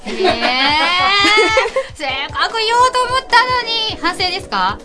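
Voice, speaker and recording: A woman's voice: extremely high pitch, big pitch swings, takes it slowly, loud music behind the voice. A woman co-presenting in a hesitant, playful way, often fumbling for words. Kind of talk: casual banter.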